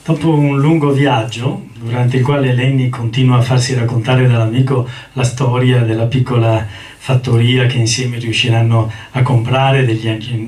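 A male lecturer talks about a novel in a thoughtful, halting way, pausing often to hesitate. His mid-range voice echoes through a roomy hall. He sits well away from the mic. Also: mid-range voice, recorded from a distance. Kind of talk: literature lecture.

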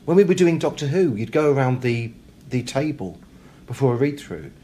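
A very animated British man chats as a casual interview guest at a moderate pace, his mid-range voice dark in tone. He's talkative and self-deprecating, with hesitant, repeated words, and the recording has clear background noise and room ambience.

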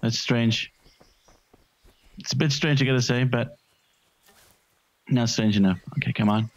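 A man's voice: mid-range voice, fairly even intonation, measured pace. A man hosting a let's-play, giving casual, crude running commentary full of swearing and jokes. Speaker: gaming channel host.

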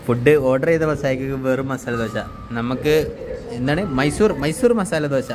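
A man's voice: mid-range voice, moderate pace, over music. A man with a Malayali accent chatting casually for a food vlog, teasing and mixing English words into his Malayalam. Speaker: vlogger. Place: indoor restaurant. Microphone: handheld phone. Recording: busy restaurant with background chatter.

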